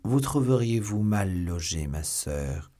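A man reading an audiobook, voicing a stern, sardonic English baron in a measured tone. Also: on the low side, big pitch swings, dark tone. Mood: mocking. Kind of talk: audiobook character voice.

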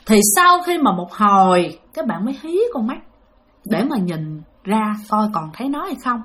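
A woman's voice: medium pitch, sing-song, moderate pace, bright, forceful tone. A woman narrating a ghost story in a dramatic, emphatic way, speaking straight to her listeners.

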